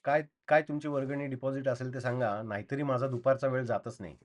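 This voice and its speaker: A man reading the part of a thrifty, sociable housewife, speaking in a brisk, practical way. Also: mid-range voice, fairly even intonation, close to an everyday voice.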